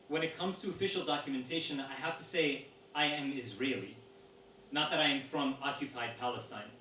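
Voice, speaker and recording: A man's voice: medium pitch, sharp tone. Man reading aloud in a roomy space. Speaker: reader of interview answers. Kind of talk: reading a text aloud to an audience. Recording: roomy sound from a distant mic with faint noise.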